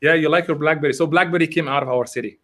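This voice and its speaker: An Egyptian real estate agent, appearing as a guest in a live interview over a video call, talks very fast in a slightly high, somewhat bright voice. He rambles and keeps correcting himself, full of enthusiasm.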